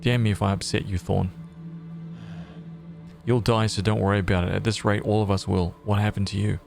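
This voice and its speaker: A man reading the lines of a gruff, coarse guard captain in a video game. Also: fairly low pitch, level tone, a little fast, darkish tone, faint music behind.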